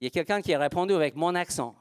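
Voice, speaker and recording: A man's voice: a little high, rapid-fire, dry recording, clean studio sound. A man, a horse trainer speaking slightly broken French in a live seminar demonstration, asking rhetorical questions and answering them himself.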